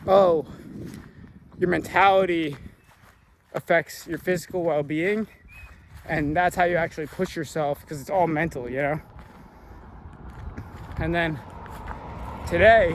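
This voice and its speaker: Young male vlogger, slightly high voice, out of breath, casual rambling delivery, recorded on a phone outdoors with faint road noise. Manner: relaxed and rambling, many "like" fillers. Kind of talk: casual vlog talk to camera. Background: passing cars and outdoor ambience.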